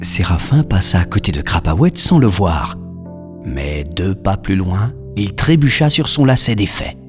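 A man narrating a children's story in an expressive, storytelling manner. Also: deep voice, measured pace, over music.

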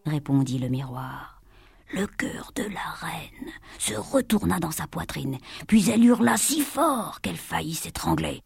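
A woman narrating a fairy tale in an expressive storybook reading, dropping to whispers for suspense. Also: deep voice, a little slow, creaky, breathy edge, no echo, clean studio sound.

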